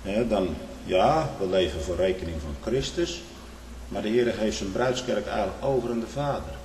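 A man's voice: fairly low pitch, expressive, normal speed. Man, preacher, fervent sermon, emphatic rhetorical asides, reverberant hall, faint background noise. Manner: emphatic, with rhetorical "hm?" and "hè?" asides, swinging between hushed and loud.

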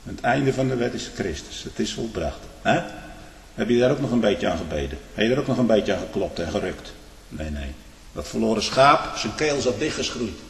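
A man preaching a fiery sermon, swinging between loud declamation and low, confiding asides, often prodding his listeners with "hm?". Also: expressive, a little fast, gravelly. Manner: frequent questioning "hm?" to the congregation. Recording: echoey church hall, long reverb.

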